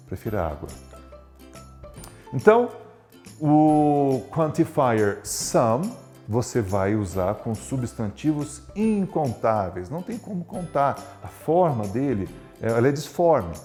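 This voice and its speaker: A man teaching an English lesson, explaining lively and asking himself rhetorical questions as he goes. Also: medium pitch, unhurried, soft background music. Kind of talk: recorded English lesson for students.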